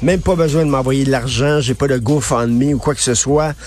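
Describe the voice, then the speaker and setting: A man's voice: mid-range voice, steady tone, moderate pace, darkish tone, faint music behind. A male radio host with a Quebec French accent and a runny-nosed cold, giving an opinionated, colloquial monologue with emphatic repetition. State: head cold with runny nose.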